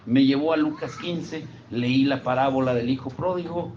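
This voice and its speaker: A man's voice: mid-range voice, moderate pace, a little mellow, muffled recording, slight background noise. A middle-aged man with a Mexican accent, a pastor giving a conversational sermon and asking his congregation questions. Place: church service.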